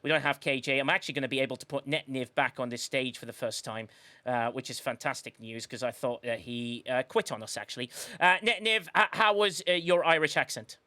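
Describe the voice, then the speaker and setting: A man's voice: mid-range voice, brisk, sharp tone, dry recording. A man hosting a casual live-stream podcast, chatty and effusive, rambling with frequent restarts. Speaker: podcast host.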